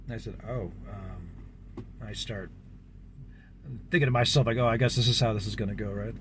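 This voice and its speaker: A man's voice: lowish voice, normal speed, noisy background. A man, a vlogger from the United States, telling a long story in a casual, rambling way, full of fillers. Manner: rambling, filler-heavy, animated retelling.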